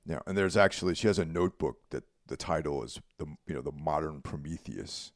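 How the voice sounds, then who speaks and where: A man co-hosting a podcast in casual chat, relaxed and rambling, often asking "you know what I mean?". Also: very deep voice, fairly quick, no echo, studio quality. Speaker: podcast co-host.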